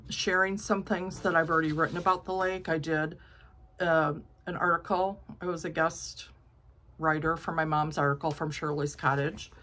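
With a low, slightly bright voice, fairly even intonation and normal speed, a woman in her sixties talks through her quilting projects. Her casual vlog rambles, full of ums and fresh starts, shot on a phone at arm's length in her home studio.

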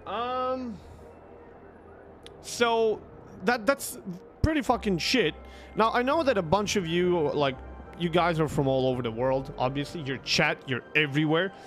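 With a high, slightly bright voice and a somewhat slow delivery, a young man with a Croatian accent spins a casual story for his stream chat. He curses emphatically and repeats words for effect. He's right up on a desktop microphone with a headset, and music plays faintly in the background.

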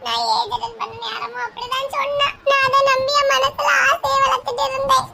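A woman with a Kanyakumari Tamil accent playing a tearful, hot-tempered young woman in a comedy sketch, scolding with quick insults. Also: very high-pitched, level tone, gravelly, sharp tone, a little hiss or hum, exaggerated voice. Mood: aggrieved. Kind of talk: comic sketch acting.

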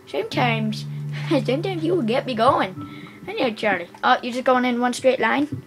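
A woman's voice: high-pitched, normal speed. A woman chattering playfully while playing a video game, cooing and calling to a game creature like a pet, with game music behind her. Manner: excitable, coos and calls to a game creature like a pet. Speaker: gamer recording gameplay.

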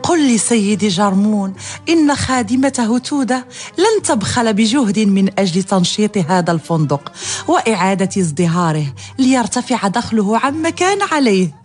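A woman's voice: medium pitch, animated, moderate pace, darkish tone, lightly acted. Casting: actress for formal, emphatic female inn overseer, loyal and grudging, historical radio serial, faint music bed. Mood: deferential, eager. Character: devoted, grudge-bearing woman overseer of an inn. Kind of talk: radio drama acting in formal Arabic.

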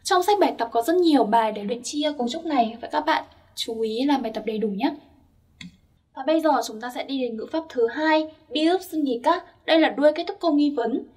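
A woman's voice: high-pitched, fast, darkish tone, far from the mic. A young woman teaching Korean grammar step by step, patiently checking that her listeners follow. Her first language is Vietnamese.

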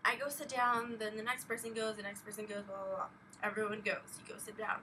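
A young adult woman vlogs from a small bedroom at home, rambling casually about an experience in halting speech packed with "like." Her medium-pitched voice is bright and pushed, with a level tone. The webcam or laptop mic sits at arm's length, so the sound is distant with faint noise.

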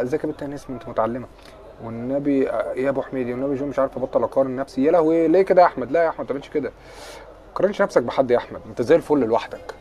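Fast-talking young Egyptian man streaming. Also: medium pitch, darkish tone, a little hiss or hum. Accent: Egyptian Arabic. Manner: joking, playful and teasing. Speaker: live streamer. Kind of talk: casual live-stream chat answering viewer comments.

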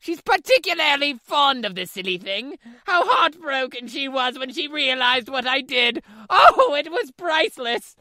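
A woman voicing a crude, spiteful teenage brother who taunts with shouting and cackles. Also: high-pitched, big pitch swings, measured pace, few pauses, no room sound, studio quality, full character voice.

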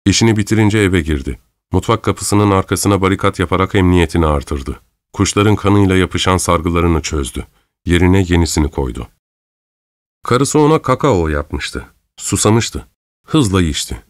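A man reading an audiobook aloud in measured, dramatic scripted narration. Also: deep voice, animated, no echo. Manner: measured, dramatic storytelling, voicing characters' lines lightly.

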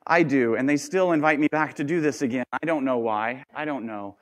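Male pastor, 30s, playful self-mocking sermon, mid-pitched, long reverb of a church sanctuary. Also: fairly quick. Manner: joking, self-deprecating and lively.

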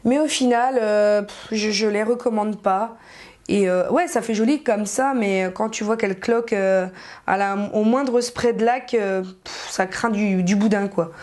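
A woman's voice: mid-range voice, a little slow, a little mellow. A young woman casually reviewing cheap earrings in a chatty, frank way, full of fillers and slang. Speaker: beauty vlogger.

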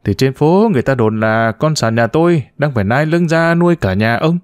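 A man's voice: mid-range voice, expressive, brisk, clear, resonant tone, no room sound, studio quality, close to an everyday voice. A man reading a story, voicing a blunt, abusive older grandmother who scolds in a raised voice. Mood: scornful. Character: sharp-tongued older village grandmother, scolding.

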